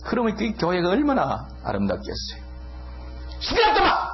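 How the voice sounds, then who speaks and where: Emphatic Gyeongsang-accented pastor preaching. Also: male voice, lively intonation, brisk, lo-fi sound. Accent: Gyeongsang Korean. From Gyeongsang region, Korea. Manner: emphatic, swings from low asides to sudden high exclamations. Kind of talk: sermon.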